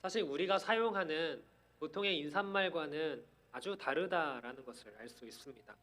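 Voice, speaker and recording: A man's voice: fairly high pitch, normal speed, fairly bright tone. A man preaching a sermon, earnest, building up to emphatic declarations.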